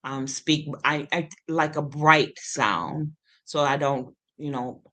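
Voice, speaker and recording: A woman's voice: sits low, takes it slowly. A woman in her sixties with a lateral lisp, an occupational therapist and singer telling stories in a casual interview, with lots of ums. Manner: animated storyteller with many ums, acts out quotes.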